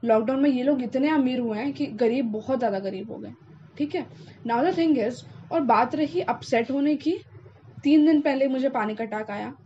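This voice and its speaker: A woman's voice: sits high, normal speed. Give me a young woman hosting a podcast, passionate and emphatic, on a dull lo-fi recording. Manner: emphatic, passionate, mixes in English phrases. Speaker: podcast host. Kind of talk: casual interview conversation. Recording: dull lo-fi sound with faint noise.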